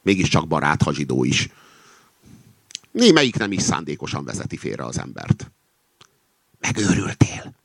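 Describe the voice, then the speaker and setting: Low gravelly guy reading satire, swings way up and down, dead dry sound. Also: huge pitch swings, a bit bright, no echo. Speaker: reader and commentator. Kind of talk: reading satirical fiction aloud with commentary.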